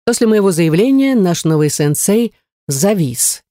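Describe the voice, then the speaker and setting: A woman narrating a first-person fantasy audiobook in a lively, wry manner. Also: medium pitch, unhurried, no echo, studio quality. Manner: lively wry storytelling with exclamations.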